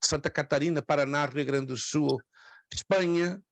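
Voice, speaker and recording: A male teacher lecturing a classroom, slowing down to repeat sounds and quizzing his students. His voice sits a touch high for a man and sounds close and dry, with little room echo. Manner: explains patiently, repeats words slowly, asks the class questions. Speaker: theology teacher.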